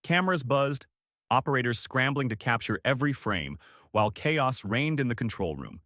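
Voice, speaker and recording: A man's voice: medium pitch, very animated, normal speed, a bit bright, no room sound, clean studio sound. A man reading a dramatic scripted story as its narrator.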